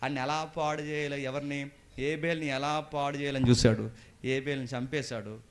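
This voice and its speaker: A man preaching a sermon, putting questions to the congregation and rising to loud calls. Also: medium pitch, fairly even intonation, moderate pace. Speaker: pastor.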